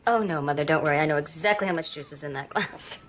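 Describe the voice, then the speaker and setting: A woman's voice: low voice, quick pace, fairly bright tone, a little hiss or hum. An actress playing a tired but firm young pregnant woman in a film drama. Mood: weary. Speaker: pregnant sister.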